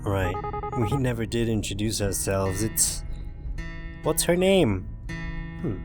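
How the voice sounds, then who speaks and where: This man reads a visual novel aloud in a slow, sing-song, fairly low voice while music plays behind him. As host of the gaming playthrough, he mixes dramatic narration with casual, joking comments and some swearing.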